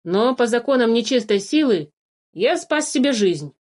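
A woman's voice: on the high side, lively intonation, moderate pace, a little mellow. A woman voicing a small, sly male forest changeling who chatters cheerfully and wheedles without guilt. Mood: calm excuses. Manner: chirpy, wheedling, unbothered.

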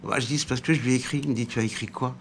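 A man's voice: medium pitch, very fast, a little hiss or hum. A man in his sixties, a radio interview guest and former bookseller, recounting an anecdote and acting out the dialogue. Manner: lively storytelling, acting out quoted dialogue.

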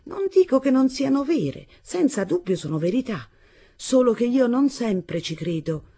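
A woman's voice: on the high side, big pitch swings, unhurried, mellow, breathy edge, voice pushed up, exaggerated voice. A woman reading an audiobook voices a superstitious, scolding middle-aged mother with a dramatic, lamenting delivery. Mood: conspiratorial.

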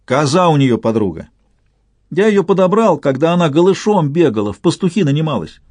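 A man's voice: a little high, sing-song, fairly quick, darkish tone, no room sound, studio quality, pitched above the performer's own voice. A man voicing a sly, wary middle-aged peasant husband with rustic, mock-sweet speech. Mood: sugary, defiant.

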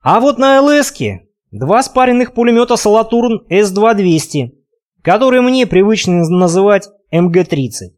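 A man reads a first-person adventure audiobook with expressive, conversational storytelling. His voice sits high for a man and moves a lot, climbing and dipping through each sentence. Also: moderate pace. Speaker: audiobook narrator.

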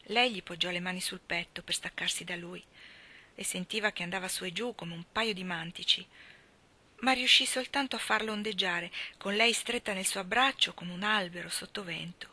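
A woman reading a literary story aloud, measured and expressive, at times dropping to a whisper. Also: lowish voice. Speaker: reader of stories.

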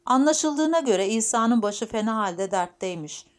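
Thoughtful ex-preacher man musing slowly, read by a woman, calm and reasoning. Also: a little high. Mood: reflective. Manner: reflective, reasoning.

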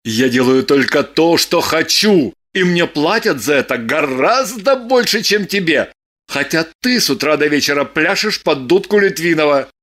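A woman reading an audiobook voices a calm, firm man who teases his lover with dry mockery. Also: low voice, normal speed. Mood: coolly mocking. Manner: calm, firm, dryly mocking. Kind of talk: audiobook character voice.

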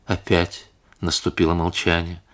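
A man narrating a classic Russian story for an audiobook in a measured, even manner. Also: sits low.

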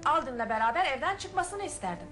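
Playing a composed, resolute and suspicious daughter of a wealthy household in a radio drama, a woman speaks firmly and formally in a cool, accusing tone. Her voice is high-pitched and sing-song, a little fast, heard over music.

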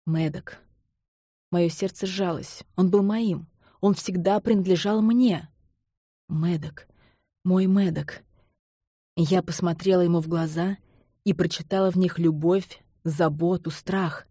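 A woman narrating a novel in the first person, in a measured, intimate storytelling manner. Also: lowish voice, steady tone, mellow, husky, dry recording, clean studio sound. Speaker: audiobook narrator.

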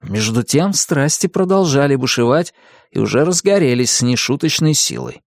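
A man narrating a children's fantasy audiobook with expressive storytelling. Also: mid-range voice, normal speed, gravelly, no room sound, clean studio sound.

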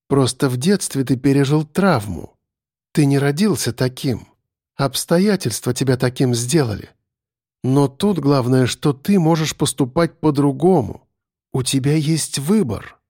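A man's voice: lively intonation, normal speed, darkish tone, no room sound, clean studio sound. A man voicing a terrified young woman captive. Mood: calm persuasive. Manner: tearful, pleading, high and strained. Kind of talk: audiobook character voice.

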